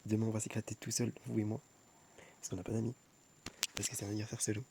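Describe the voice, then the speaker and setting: A man's voice: fairly low pitch, flat delivery, quick pace, vocal fry, noisy background. A young man filming a casual vlog at home on his phone, rambling and mocking himself, often restarting and repeating words. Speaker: vlogger. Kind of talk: casual self-filmed vlog. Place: at home at night.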